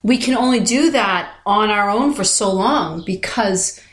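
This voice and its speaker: A woman co-hosting a podcast in casual, reflective conversation, speaking thoughtfully and haltingly, often repeating her phrases. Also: medium pitch. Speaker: podcast co-host. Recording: roomy, echoey sound.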